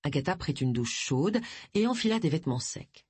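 Expressive husky audiobook narrator. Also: medium pitch, moderate pace, no room sound. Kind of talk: scripted narration of a crime novel. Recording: dry close audiobook recording.

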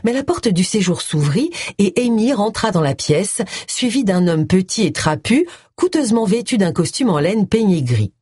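A woman narrating an audiobook in expressive storytelling style. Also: mid-range voice, moderate pace, few pauses, slightly rough, no room sound, clean studio sound. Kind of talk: scripted narration.

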